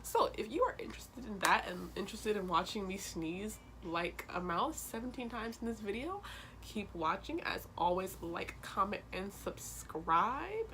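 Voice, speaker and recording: A woman's voice: medium pitch, very animated, a little slow, fairly bright tone, a little hiss or hum. A young woman vlogging casually about her hair, her voice congested from allergies, chatty and playful. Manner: chatty, playful, calls viewers "girl". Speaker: beauty vlogger. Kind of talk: casual vlog chat to camera.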